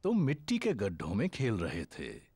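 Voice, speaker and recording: A husky cartoon father pig, good-natured and bumbling. His pitch leaps all over the place as he speaks in slow, hearty exclamations, recorded close and dry. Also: huge pitch swings, a little mellow, dry recording, full character voice. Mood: amused, indulgent. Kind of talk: Hindi cartoon dub.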